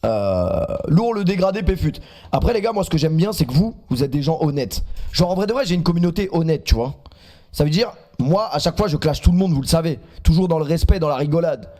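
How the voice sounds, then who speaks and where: A man's voice: fairly high pitch, animated, brisk, mellow. A man in his twenties streaming live, reacting to clips and chatting in a teasing, self-mocking way.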